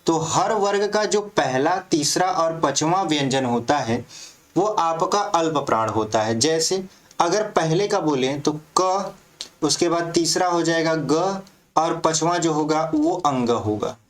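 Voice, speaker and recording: Hindi teacher asking and answering himself. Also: male voice, on the high side. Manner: asks questions and answers them himself; spells out letters slowly. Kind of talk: exam-prep grammar lesson.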